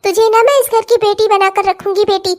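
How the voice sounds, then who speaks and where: A voice actor playing a cartoon mother-in-law who dotes on her new daughter-in-law and scolds her son loudly. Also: steady tone. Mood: doting. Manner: scolding, shrill, fast when angry. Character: loving but fiery old mother-in-law. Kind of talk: cartoon voice acting.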